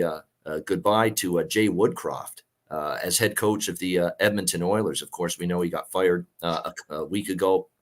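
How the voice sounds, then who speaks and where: A man hosts a sports betting show, talking in a casual, rambling way. His voice is low-pitched and gravelly, worn from a night of singing.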